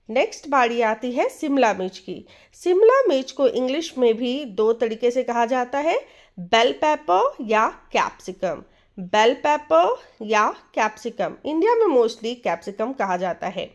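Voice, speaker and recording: A woman with an Indian accent teaching vocabulary, saying each word slowly and more than once, then quizzing the listener on it. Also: fairly high pitch, muffled recording. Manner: repeats each word slowly, asks quiz questions. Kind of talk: slow, drilled vocabulary lesson.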